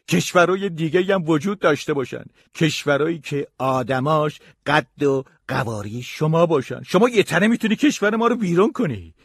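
A man's voice: fairly high pitch, fairly bright tone, husky, no room sound, clean studio sound, voice pushed up, heavily acted. A man voicing a tiny, anxious court secretary who pleads urgently in a storybook reading.

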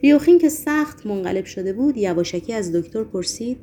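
A woman narrating an audiobook in an expressive, dramatic reading style. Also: a little high, slight background noise.

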